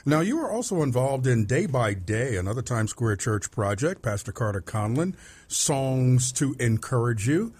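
A man's voice: mid-range voice, sing-song, moderate pace, a little mellow, slightly rough. Conversational male interviewer. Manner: brief, conversational questions. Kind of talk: interview questions.

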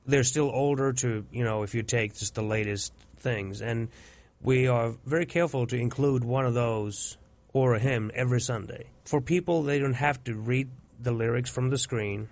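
A man's voice: mid-range voice, normal speed, a little mellow. A man from Finland, a church music producer thoughtfully answering interview questions. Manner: thoughtful, searching for words.

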